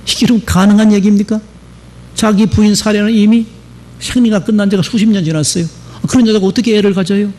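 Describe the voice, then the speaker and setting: A man's voice: high-pitched, darkish tone, a little hiss or hum, poor audio. A male pastor giving a Sunday sermon in a church, telling stories and speaking straight to the congregation. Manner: storytelling with acted dialogue, addressing the congregation. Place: church sanctuary.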